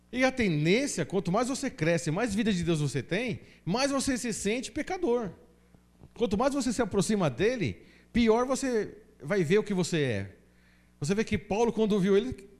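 A man's voice: high-pitched, darkish tone. A Brazilian man preaching a sermon as pastor in a church, emphatic and full of rhetorical questions. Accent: Brazilian Portuguese.

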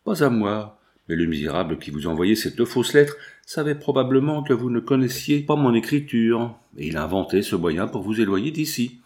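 A man's voice: mid-range voice, expressive, moderate pace, few pauses, a little mellow, natural voice. A man reading as an anxious young woman. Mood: urgent.

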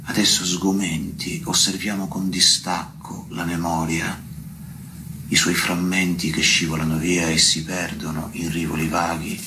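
At a tribute recital, a man with a very low voice recites poetry slowly, gravely and evenly, his pitch barely shifting and his tone level. He pauses between phrases, and background noise is clearly audible.

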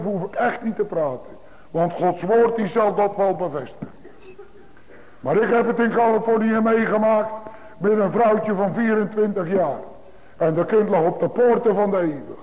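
A man's voice: high voice, lively intonation, normal speed. A male pastor preaching a sermon to his congregation, with emphatic, repetitive phrasing. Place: church. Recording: tinny phone-like broadcast in a large reverberant church.

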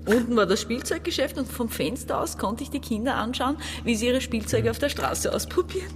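A woman's voice: on the high side, brisk, background noise, close to an everyday voice. An actress playing a bossy, hard woman in her forties who gives curt orders and scolds. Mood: commanding. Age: 40s. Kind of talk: radio play acting.

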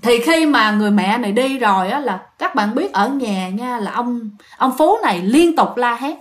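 A woman's voice: a little high, lively intonation, normal speed. A woman with a Southern Vietnamese accent telling a ghost story, chatty and talking straight to her listeners. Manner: chatty, addressing listeners directly.

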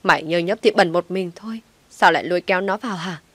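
A woman's voice: lowish voice, fast, fairly bright tone, slightly rough, no room sound. A woman voicing a scolding middle-aged aunt. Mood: furious. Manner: harsh, scolding.

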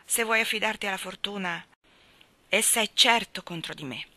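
A woman's voice: medium pitch, normal speed, sharp tone, dry recording. A woman reading the part of an aging father, speaking anxiously with a trembling voice in an audiobook. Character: worried aging father, a miller, guarding his savings.

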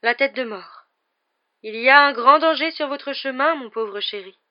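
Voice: high-pitched, moderate pace, lo-fi sound, pitched above the performer's own voice, close to an everyday voice. A reader voicing a dramatic, mournful older woman fortune-teller in an audiobook, speaking in a theatrical, wailing manner. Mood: ominous. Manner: theatrical, wailing, breathy dread.

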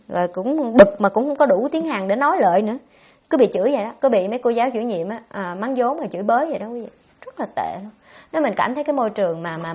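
A Buddhist nun giving a dharma talk, answering questions in a blunt, scolding way. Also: female voice, medium pitch, husky. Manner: blunt, scolding, fast-talking.

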